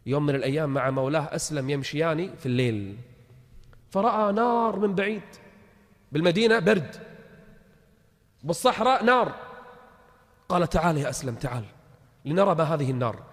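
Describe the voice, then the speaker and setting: A man preaching a storytelling sermon, dramatically swinging between loud exclamations and hushed tones. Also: on the high side, lively intonation, brisk, pauses often, long reverb tail.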